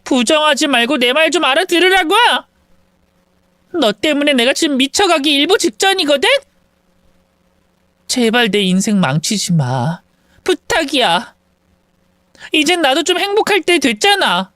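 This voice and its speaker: Woman doing a mistress voice, spiteful, high-pitched, accusing, storybook narration. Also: sing-song, unhurried, long pauses, no room sound, studio quality, full character voice. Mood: pleading. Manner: sharp, scornful, accusatory.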